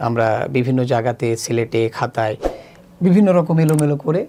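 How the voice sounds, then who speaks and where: A man's voice: mid-range voice, dark tone, slight background noise. A man with a Bangladeshi Bengali accent teaching a children's Arabic lesson, patiently drawing out each word. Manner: patient, drawn-out word-by-word pronunciation. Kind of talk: slow recorded lesson walkthrough.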